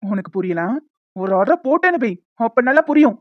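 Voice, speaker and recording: In this cartoon, a stern but caring young man, voiced by a woman lectures in a firm, rapid tone. The voice sits at a middle pitch. The recording is dry and dull, with a lo-fi sound. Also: sing-song, no room sound. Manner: firm, lecturing, quick-talking. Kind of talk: animated story dialogue.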